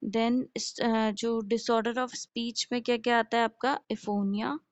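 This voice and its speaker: A woman nursing lecturer teaches at an unhurried pace in a level, steady voice. She poses questions and answers them herself, checking in with her listeners as she goes. The lo-fi recording sounds dull and dry. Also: fairly high pitch, dry recording. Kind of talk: classroom lecture.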